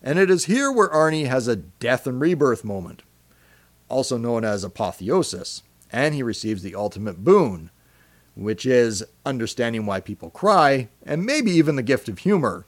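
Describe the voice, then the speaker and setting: A man hosting a podcast, giving a reflective, measured commentary in a scripted style. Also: medium pitch, sing-song, no echo. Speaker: podcast host.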